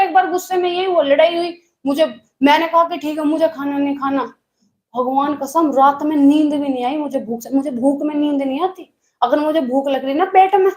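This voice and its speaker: A woman's voice: sits high, roomy sound. A young woman teaching an online exam-prep class in a chatty way, calling her students children and telling stories from her own life.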